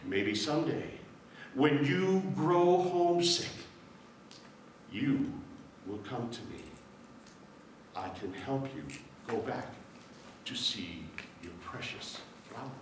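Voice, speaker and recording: A man voicing a sly desert snake in a low, hushed, slow manner at a live storytelling. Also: animated, noisy background. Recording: echoey hall from far off.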